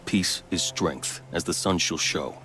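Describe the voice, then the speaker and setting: An actor playing a proud, measured male captain and veteran soldier. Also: low-pitched, fairly bright tone, soft background music. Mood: proud steady.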